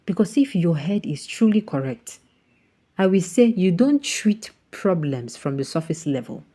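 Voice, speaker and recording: Speaking off the cuff as an online political commentator, a woman with a Nigerian accent pushes her opinions hard, firing rhetorical questions and occasionally slipping into Pidgin. Her voice sits low and sounds mellow.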